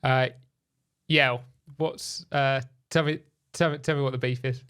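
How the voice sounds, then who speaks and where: A man hosting a casual podcast interview, explaining his points in a measured way. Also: mid-range voice, steady tone, fairly bright tone, clean tone. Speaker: podcast host.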